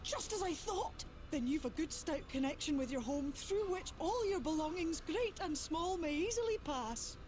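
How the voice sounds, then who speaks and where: A mischievous fantasy game pixie with a very high, lilting voice. She speaks like a leprechaun, theatrical and excitable, with a regal streak. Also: moderate pace, few pauses, a little hiss or hum. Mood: gleeful, commanding. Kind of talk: scripted fantasy video game acting.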